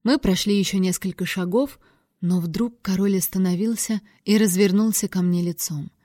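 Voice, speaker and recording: Woman narrating an audiobook, dark tone. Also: medium pitch, fairly even intonation, moderate pace, no room sound, clean studio sound. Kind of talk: first-person novel reading.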